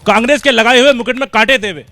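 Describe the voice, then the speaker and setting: A man's voice: extremely high pitch, quick pace, bright, forceful tone. A male debate participant at an outdoor public gathering, speaking emphatically.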